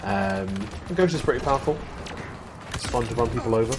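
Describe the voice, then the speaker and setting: A man's voice: medium pitch, lively intonation, a little fast, noisy background. A man co-hosting a live games show, chatting casually over gameplay footage, laughing often and restarting sentences with lots of ums. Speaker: co-host of weekly games show.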